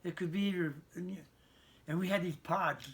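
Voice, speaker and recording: A man's voice: high-pitched, moderate pace, fairly bright tone. An American man in his seventies, a veteran remembering his service in rambling, folksy conversation with stammered repeats. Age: 70s. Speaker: interviewed Navy veteran. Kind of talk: conversational reminiscence.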